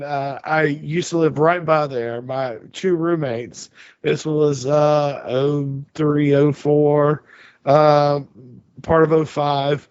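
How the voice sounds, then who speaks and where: A man in his forties chats casually, his voice sitting a little high for a man. He rambles through anecdotes, stumbling over restarts and stammers. The recording sounds dry and dull, with no room at all. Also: darkish tone, no room sound. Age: 40s. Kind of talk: casual chat.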